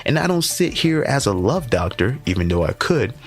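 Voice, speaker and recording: A man hosting a motivational podcast for educators, talking in an energetic, conversational way and often checking in with the listener. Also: mid-range voice, normal speed, faint music behind.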